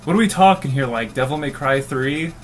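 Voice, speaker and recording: A man's voice: mid-range voice, lively intonation, a little fast. A man chiming in as co-host in casual chat, throwing in dry, sarcastic quips.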